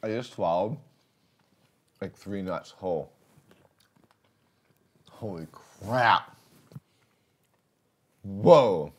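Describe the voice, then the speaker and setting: A man's voice: low-pitched, lively intonation, slow, long pauses, dark tone. A man casually chatting with his viewers while playing a game on a livestream, rambling and laughing often. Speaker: streamer.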